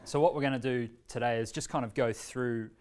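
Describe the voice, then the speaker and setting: A New Zealand man in his 30s, with a clear, resonant, mid-pitched voice, gives an informal workshop demonstration of a learning tool. He is easygoing and conversational, with plenty of fillers and pauses, and walks between the screen and his laptop. A far camera mic picks him up from across a bright, medium-sized indoor meeting room with a screen.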